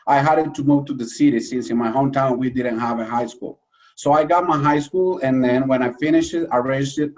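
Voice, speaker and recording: A man's voice: mid-range voice, darkish tone, far from the mic, poor audio. A man from Honduras with a Honduran Spanish accent, a native Spanish speaker giving an earnest personal talk as an adult educator at a briefing. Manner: earnest, with hesitant restarts. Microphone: video call.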